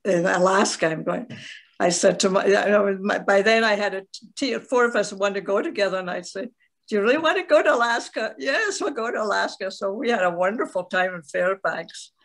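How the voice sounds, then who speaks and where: An older woman from Scotland, telling stories in a halting, rambling way on a video call from her tablet at home. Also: medium pitch, vocal fry. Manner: rambling, halting, with frequent restarts and soft laughs. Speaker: interviewee, veteran curler. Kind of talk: casual video call interview.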